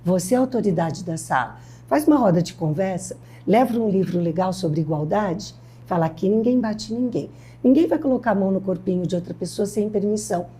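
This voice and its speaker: Brief: older Brazilian woman, interview guest, husky and mellow, emphatic storyteller who acts out quotes. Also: mid-range voice, lively intonation, a little fast. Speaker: guest educator. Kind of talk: interview conversation.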